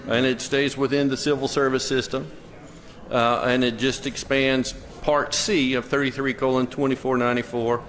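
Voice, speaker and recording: A man explaining a bill as a state senator in a deliberate, halting, conversational way. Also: mid-range voice, a bit bright. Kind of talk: informal legislative explanation. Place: large legislative chamber. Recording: long echoing hall reverb.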